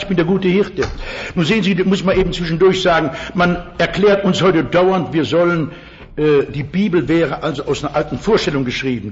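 Earnest older male preacher, lo-fi recording. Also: fairly high pitch. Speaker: pastor. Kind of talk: Easter sermon to a congregation. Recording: dull lo-fi old sermon recording.

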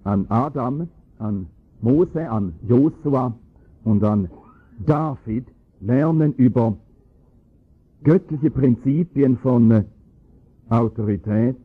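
A man preaching a sermon, explaining scripture with emphatic, rising stress on key points and a husky voice. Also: mid-range voice, slow, long pauses. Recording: tinny phone-like lo-fi recording.

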